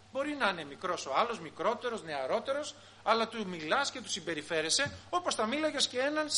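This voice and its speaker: Animated, bright-voiced male preacher. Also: high voice, slight background noise. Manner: animated, rhetorical questions, acts out quoted voices. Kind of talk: sermon.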